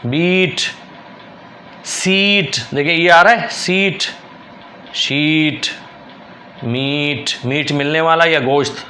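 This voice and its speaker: A man from Pakistan with a Karachi Urdu accent speaks in a fairly high, bright, forceful voice, with a little hiss or hum in the audio. He is teaching a shorthand lesson classroom-style, patiently repeating words and spelling them out letter by letter.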